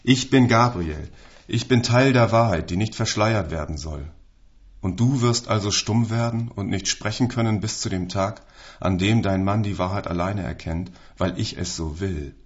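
A man with a low voice reads a literary text aloud, measured and solemn. The recording is dull and lo-fi. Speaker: reader. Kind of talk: literary reading.

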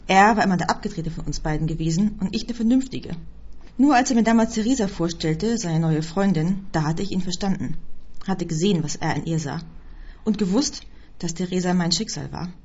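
A woman reading a first-person story aloud as scripted narration, with a husky voice. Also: fairly low pitch, dark tone. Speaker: audiobook reader. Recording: dull lo-fi recording.

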